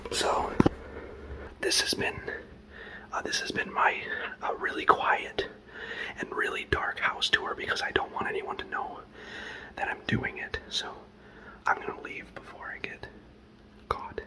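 Brief: male, thirties, whispered comedy bit, hesitant filler-heavy whisper, phone held close, dark house. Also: a little slow, long pauses, rough recording. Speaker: comedian host. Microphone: handheld phone camera close up.

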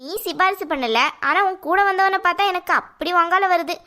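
Taunting cartoon sister-in-law, voiced by a woman, very high. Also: a little fast, bright, forceful tone. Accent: Tirunelveli Tamil. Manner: sarcastic, taunting. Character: meddling sly young sister-in-law, sarcastic. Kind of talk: cartoon voice acting.

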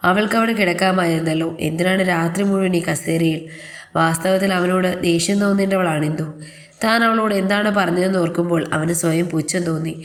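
A woman reading a scripted love story aloud in a calm, even narrating manner. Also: fairly low pitch, brisk.

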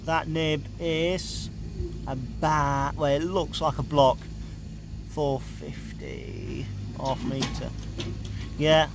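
A man's voice: on the high side, animated, drawn-out words, pauses often. A young man, a bricklayer explaining his job step by step in a casual on-site vlog, recorded outdoors on a building site. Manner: plain-spoken, explains his work step by step. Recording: outdoor site noise behind the voice.

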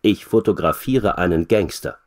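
A man's voice: deep voice, moderate pace, a little mellow, close to an everyday voice. A man reading the part of a nervous male photographer in a storybook for learners. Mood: glum.

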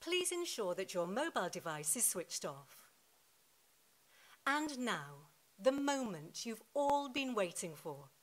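A woman making a formal, scripted theatre announcement into a studio microphone in a deliberate show-opening style. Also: medium pitch, big pitch swings. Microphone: large studio microphone.

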